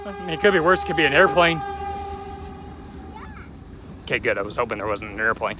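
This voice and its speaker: Recording outdoors by a railway with plenty of background noise, this young vlogger rambles chattily through his life story and cracks jokes at the trains going by. He speaks briskly and with animation in a medium-pitched voice.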